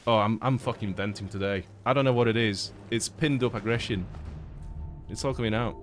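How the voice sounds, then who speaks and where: A man's voice: on the low side, fairly quick, soft background music. Rambling, cursing man streaming a game. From Poland. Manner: rambling, swears a lot, many fillers and restarts. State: blocked nose. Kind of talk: casual live-stream chat while gaming.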